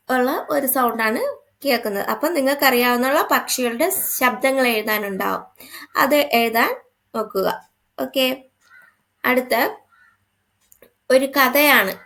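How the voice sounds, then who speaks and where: A woman's voice: sits high, a bit bright. A woman teacher, patiently explaining a first-grade workbook lesson. She asks questions and then answers them herself.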